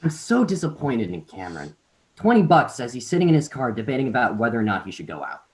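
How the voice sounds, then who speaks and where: A man's voice: mid-range voice, very animated, fast talker, lightly acted, low-quality recording. A man reading a cocky, persuasive teenage boy in an unrehearsed script read-through. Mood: pushy. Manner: pushy, persuasive.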